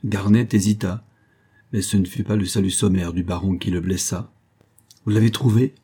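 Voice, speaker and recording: A man narrating a classic novella in an even, literary reading. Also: deep voice, moderate pace, husky. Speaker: audiobook reader.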